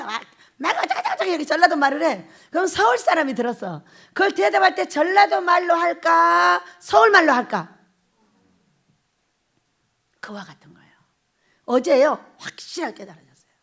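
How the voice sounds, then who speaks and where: At a prayer retreat, a woman pastor preaches a Sunday sermon with animated energy, laughing often and putting rhetorical questions to the congregation. Her voice leaps from loud exclamations down to low, quiet murmurs.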